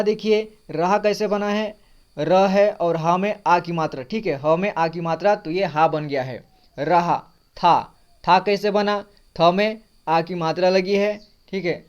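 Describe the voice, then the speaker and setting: Man, unhurried lesson delivery, spells out words, repeats each one, dull lo-fi audio. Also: high voice, clear, resonant tone. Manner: breaks words into letters and vowel signs, repeats often. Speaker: Hindi reading teacher. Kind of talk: slow word-by-word reading lesson. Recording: slightly dull lo-fi sound.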